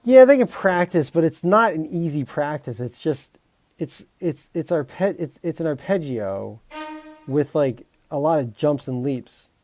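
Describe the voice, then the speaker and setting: A man's voice: on the high side, lively intonation, measured pace, a little mellow, faint music behind. A man streaming as a composer, chatting casually with viewers in a rambling, joking way, with restarts, fillers and mild swearing. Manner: rambling, talks to chat, frequent restarts and fillers. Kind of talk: casual live-stream chat.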